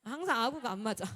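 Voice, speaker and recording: A woman missionary, preaching a Sunday sermon and telling personal stories in a lively way. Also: on the high side, slightly rough. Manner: animated, acts out quotes and laughs often.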